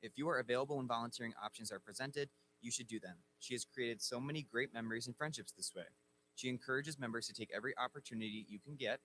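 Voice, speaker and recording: A man's voice: medium pitch, quick pace, a bit bright, slight background noise, poor audio. A man announcing at a school ceremony, reading inductee bios formally from a lectern microphone. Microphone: speaking at a lectern microphone.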